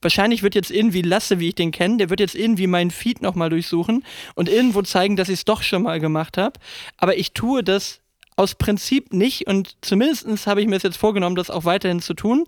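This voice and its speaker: A man's voice: sits high, a little fast, no room sound, clean studio sound. A man in his thirties co-hosting a podcast, chatting casually and rambling with many fillers and restarts. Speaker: podcast co-host. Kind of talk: casual chat.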